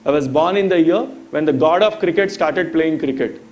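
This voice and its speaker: Speaking at a normal pace in a slightly high voice, a thirtysomething man with an Indian accent guests on a motivational talk. He teaches by telling stories and posing rhetorical questions, with a little background noise audible.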